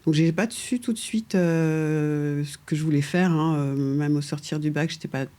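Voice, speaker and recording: Mellow and low-pitched with a steady tone, a middle-aged woman speaks haltingly as a guest architect in a casual interview. French, raised in Paris from age two, she uses many fillers and restarts and laughs lightly.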